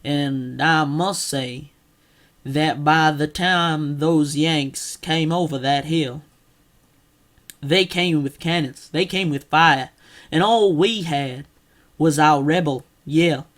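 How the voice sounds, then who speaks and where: A man's voice: a little high, fairly bright tone. A man putting on a drawling Southern soldier. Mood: reminiscing. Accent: American Southern (put on). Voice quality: slow drawl. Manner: rambling, halting repetitions. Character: Southern Confederate soldier man, gruff, storytelling. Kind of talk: amateur accent impression.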